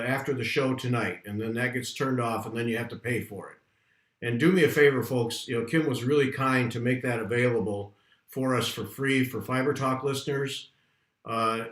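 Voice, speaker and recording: A man hosting a casual livestream chat, talking in a rambling, chatty way from a room at home that is not soundproofed, so his voice comes back with a clear room echo. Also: mid-range voice, fairly bright tone. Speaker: host. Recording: echoey unsoundproofed room.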